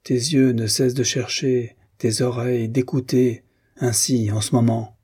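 A man's voice: medium pitch, flat delivery, measured pace, dark tone, husky. Man reading as a jealous, sneering husband. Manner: sneering, then nervous and brooding. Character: jealous, bitter middle-aged official husband. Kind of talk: audiobook reading.

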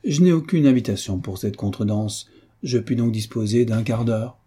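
A man's voice: medium pitch, moderate pace, warm tone, slightly rough, close to an everyday voice. A man voicing a cheerful, deferent young duke in a storybook reading.

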